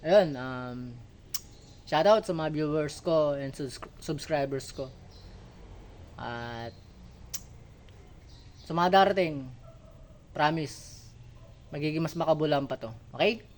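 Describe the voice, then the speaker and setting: A man's voice: a little high, takes it slowly, pauses often. Filipino man vlogging with missing front teeth. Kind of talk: casual vlog talk.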